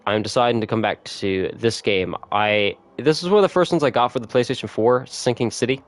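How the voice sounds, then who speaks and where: A man chatting casually with viewers on a gaming livestream, laid-back and quick to laugh. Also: medium pitch. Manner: relaxed, chatty, laughs often, reads notes aloud. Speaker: streamer.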